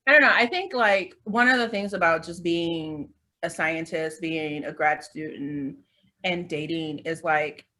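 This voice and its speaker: Woman with a bright sharp voice, teasing her cohost, quick comments. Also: deep voice. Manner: quick teasing interjections, chiming in and laughing. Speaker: podcast co-host, scientist. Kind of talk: casual chat.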